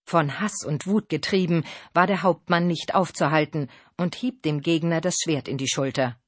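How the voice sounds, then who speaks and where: Narrator for a historical audiobook, even and measured, recorded dry and close. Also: medium pitch, no echo.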